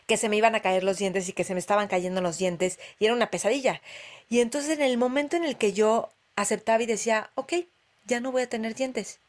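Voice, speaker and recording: A woman casually sharing personal stories about meditation retreats, expressive, with sudden exclamations and sound-effect words. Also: medium pitch. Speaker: meditation practitioner.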